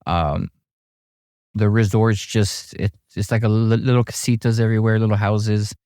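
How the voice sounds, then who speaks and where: A middle-aged amateur golfer, a guest in a casual chat, tells stories in a relaxed, unhurried way, his low, mellow voice full of fillers and small restarts. The sound is clean, dry and close, with no echo or room around it.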